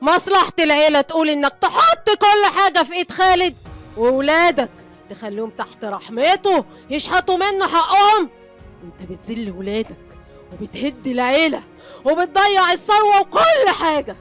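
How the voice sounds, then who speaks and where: A woman's voice: very high-pitched, sing-song, normal speed, a bit bright, faint music behind, exaggerated voice. An actress playing an anguished older mother who cries out and pleads for her son in an Egyptian accent in a radio drama. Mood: accusing. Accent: Egyptian Arabic. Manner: pleading, crying out.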